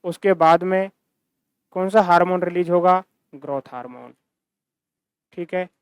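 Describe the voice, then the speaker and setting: High-voiced male science teacher, crisp and dry. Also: measured pace, dry recording. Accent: Hindi-speaking Rajasthan region. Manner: repeats key terms, asks and answers own questions. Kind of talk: recorded classroom-style lecture.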